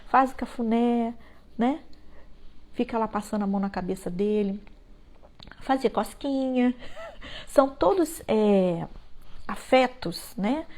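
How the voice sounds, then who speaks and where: A woman with a Brazilian Portuguese accent giving heartfelt advice to parents, stressing key phrases and slowing right down on them. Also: on the high side, darkish tone. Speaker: parenting educator.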